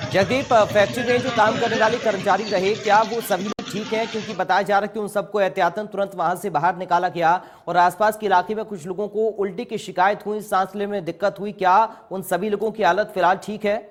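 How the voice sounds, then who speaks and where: A man's voice: high-pitched, steady tone, a little fast, few pauses, slight background noise. A man anchoring a news broadcast, putting formal questions to field reporters.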